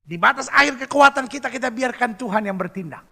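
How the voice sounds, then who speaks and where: A man's voice: extremely high pitch, lively intonation, fast talker, bright, forceful tone, big-room sound. A man preaching a sermon as pastor, emphatic, counting off his points and acting out the people he quotes.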